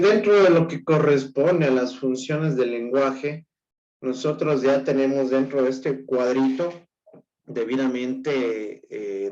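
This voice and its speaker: A male teacher giving an online class lecture, explaining slowly and haltingly with an Ecuadorian Spanish accent and checking in with his students again and again. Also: mid-range voice. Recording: dull lo-fi recording.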